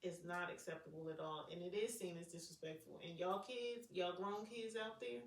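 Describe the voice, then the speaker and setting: A woman's voice: on the low side, steady tone, moderate pace, gravelly, a little hiss or hum. A middle-aged woman co-hosting a podcast about parenting grown children, chatting casually with sarcastic asides and loose slang. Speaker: podcast co-host. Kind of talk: casual chat. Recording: echoey room, mic at a distance.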